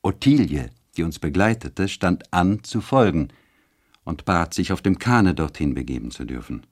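Brief: male reader voicing a courtly traveling gentleman from a novel, low voice. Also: expressive, moderate pace. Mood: recounting. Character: the lord's companion, a gallant male traveler recounting an outing.

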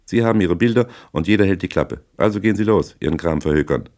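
A man voicing a shifty small-time male crook who answers gruffly and defensively. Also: sits low, fast, darkish tone, voice pushed up. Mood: surly. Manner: gruff, grumbling replies.

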